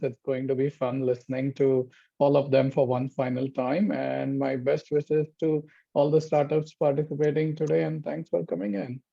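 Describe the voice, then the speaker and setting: A polite man thanks the host and greets the other judges. His voice is gravelly and dark, level in tone. The call audio sounds dull and lo-fi. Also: on the high side, no echo. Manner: polite, gracious. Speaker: managing partner, judge.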